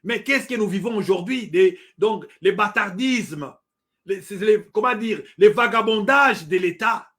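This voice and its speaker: Speaking a little slowly in a high, sharp-toned voice, a middle-aged Congolese man delivers passionate political commentary. He is from the DR Congo and has a Congolese French accent. He is emphatic, keeps repeating his arguments, and leans on hesitant fillers.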